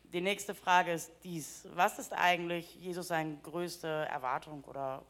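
A woman interprets a sermon as it is given, rendering each phrase right after the preacher in a slightly low voice. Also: fairly even intonation, a little slow, fairly bright tone.

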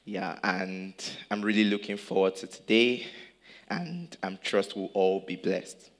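Slow, low-voiced Nigerian-born man preaching. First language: not German. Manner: speaks in short phrases, pausing for the interpreter. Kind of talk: sermon in English with live interpretation.

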